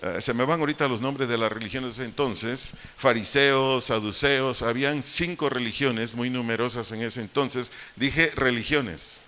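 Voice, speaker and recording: Bright-voiced Mexican pastor preaching. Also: male voice, medium pitch, moderate pace, few pauses. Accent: Mexican Spanish. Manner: emphatic preaching, rhetorical questions to the congregation. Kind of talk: sermon. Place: church hall.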